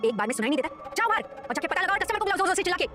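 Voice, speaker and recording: An actress playing a greedy, arrogant middle-aged restaurant owner in a melodramatic drama, bossy and scolding. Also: female voice, very high-pitched, very animated, racing, bright, forceful tone, heavily acted. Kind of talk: melodramatic web-series acting. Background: background music.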